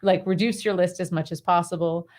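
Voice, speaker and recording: A woman guest giving advice in an interview conversation. She speaks as an animated, breezy storyteller and often uses fillers like "like" and "right". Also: fairly low pitch, fairly quick. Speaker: clarity coach guest.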